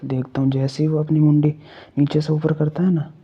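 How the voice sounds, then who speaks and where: Male horror storyteller, casual and chatty with viewers; flat, husky delivery. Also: fairly high pitch, brisk, muffled recording. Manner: chatty, addresses viewers, checks in with fillers. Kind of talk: casual spoken horror narration.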